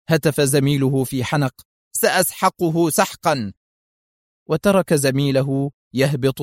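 A man narrating a dramatic action story in a measured, clear reading voice. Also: medium pitch, darkish tone, no echo, studio quality.

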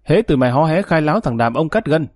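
A man's voice: on the high side, expressive, quick pace, dry recording, clean studio sound, voice pushed up. A man voicing Mừng Lác, a menacing gang boss. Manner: threatening, harsh. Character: tough male gang leader, cold and menacing.

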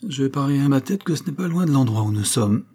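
A man voicing a gruff, blustering old sea captain in an audiobook reading. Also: mid-range voice, expressive, fairly quick, dark tone, voice pushed up.

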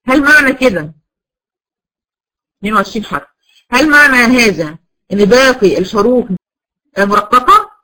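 A woman's voice: on the high side, lively intonation, normal speed, long pauses, pushed and bright, poor audio. A woman with an Egyptian accent teaching a class of girls, posing questions and answering them herself while drilling each point again and again. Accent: Egyptian Arabic. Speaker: Quran recitation teacher.

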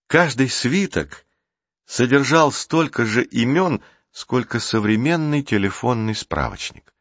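A man narrating an audiobook calmly and evenly, in a dry, dull recording. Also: on the low side, no echo. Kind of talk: scripted narration.

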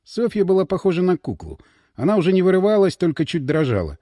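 A man reading a crime novel aloud with an expressive, dramatic delivery. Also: high voice, fast, dry recording, studio quality. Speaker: audiobook narrator. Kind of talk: scripted narration.

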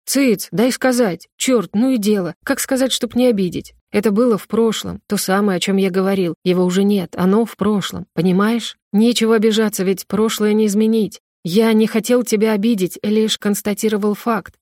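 A woman reading the part of an agitated young man who pleads with and lectures his girlfriend in a slow, insistent way, in an audiobook. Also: mid-range voice, fairly even intonation, mellow, no echo, studio quality, close to an everyday voice.

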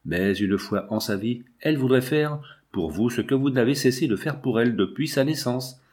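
A man's voice: medium pitch, expressive, moderate pace, a little mellow, lightly acted. A man reading the lines of a young exiled daughter who earnestly implores her parents, in an audiobook. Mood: imploring. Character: young woman, devoted pleading daughter in exile.

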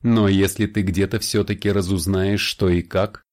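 A man's voice: mid-range voice, a little slow, a little mellow, pitched above the performer's own voice, natural voice. A man putting on a smirking sly vampire. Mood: smug confiding. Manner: smirking, confiding. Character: smooth sly male vampire clan elder.

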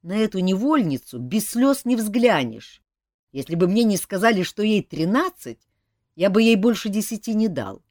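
A woman voicing a weary, blunt young king who grumbles in a gruff way. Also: high voice, sing-song, normal speed, darkish tone, no room sound, studio quality, voice pushed up. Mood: grumbling.

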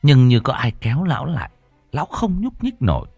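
A man narrating a horror story in an expressive, theatrical way. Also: medium pitch, fairly quick, vocal fry, husky, no room sound, soft background music.

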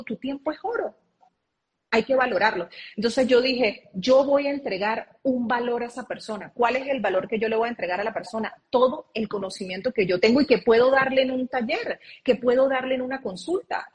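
A woman speaking as an interview guest over a video call, earnestly explaining and drawing on her own experience. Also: a little high.

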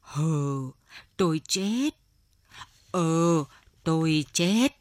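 A woman's voice: low voice, lively intonation, extremely slow, darkish tone, no room sound, exaggerated voice. A woman voicing an old male addict who mumbles weakly and faintly in a storybook reading. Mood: weak groaning. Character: old male opium addict, groaning and despairing.

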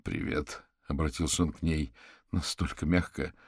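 A man narrating an audiobook in a steady, measured reading. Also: deep voice, breathy edge, dry recording, clean studio sound. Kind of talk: scripted narration.

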